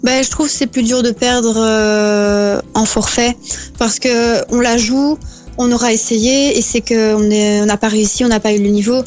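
A woman with a fairly high voice answers questions as a guest on a sports radio show. She speaks plainly and informally, with small hesitations. Faint music plays underneath. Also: steady tone, normal speed, a little mellow. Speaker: guest athlete.

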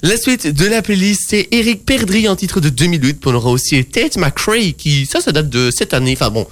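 Lively man hosting radio. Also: a little high, a little fast. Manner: lively, laughing, bantering. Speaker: radio host. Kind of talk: casual radio chat.

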